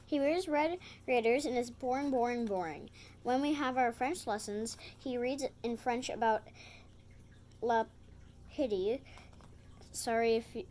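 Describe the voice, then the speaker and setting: A woman's voice: fairly high pitch, darkish tone, slight background noise. A woman reading a children's picture book aloud, stumbling over words and correcting herself. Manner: halting reading with slips and self-corrections.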